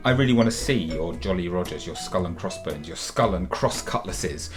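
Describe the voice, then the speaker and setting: A man's voice: sits low, expressive, normal speed, music in the background. A middle-aged man from the UK giving a friendly, chatty drawing lesson to children, encouraging them and calling them guys. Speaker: children's drawing tutor and author.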